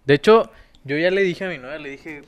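A man's voice: fairly high pitch, a little fast, a little hiss or hum. A man with a Mexican accent, co-hosting a casual podcast chat, slangy and full of swearing. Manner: slangy, swears a lot, says güey constantly. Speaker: podcast co-host.

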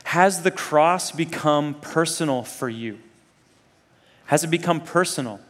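There's a fairly high, fairly bright quality to this man's voice as he delivers a sermon to students. He's from Zambia and Kenya, speaks earnestly in a conversational style, and keeps posing rhetorical questions, all in a long hall reverb.

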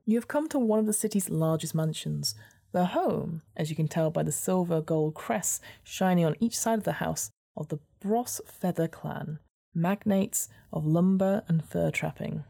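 A woman's voice: fairly low pitch, measured pace, vocal fry, mellow. A woman narrating a gamebook adventure in a storybook reading style, with casual asides as host.

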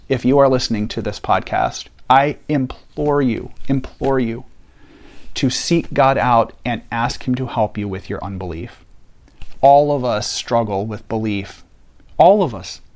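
A man teaching a Bible passage on a podcast in an earnest, conversational way, stressing key points by repeating them. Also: mid-range voice. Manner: earnest, animated, emphatic repetition.

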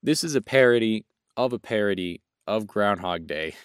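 Low smooth-voiced man riffing on movies. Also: expressive, moderate pace, no echo, clean studio sound. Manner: rambling, jokey, self-correcting. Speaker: podcast co-host. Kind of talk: casual film review chat.

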